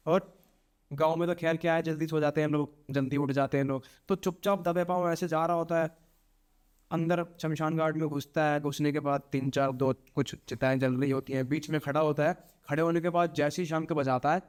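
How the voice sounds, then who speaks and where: A man's voice: fairly high pitch, a little fast, clean tone. A young man, a podcast guest, telling a horror story dramatically, repeating phrases and acting out voices. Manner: animated, repetitive, acts out voices.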